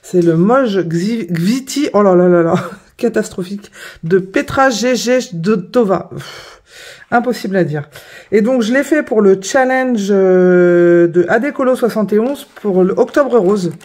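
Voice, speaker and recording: A woman's voice: medium pitch, lively intonation, unhurried, darkish tone. Hesitant woman showing her coloring. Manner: hesitant, many fillers and self-corrections. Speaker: coloring hobby vlogger. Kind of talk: casual show-and-tell.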